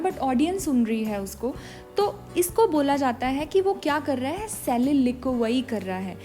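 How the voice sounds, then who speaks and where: A woman gives a vocabulary lesson in a high, bright voice. She spells words out slowly, letter by letter. She asks her own questions and answers them, with faint music behind her. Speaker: teacher.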